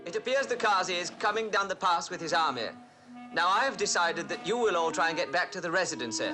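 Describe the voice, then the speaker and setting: Figure: a brisk British officer. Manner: clipped. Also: male voice, high-pitched, animated, over music. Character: brisk male British officer in a comedy film.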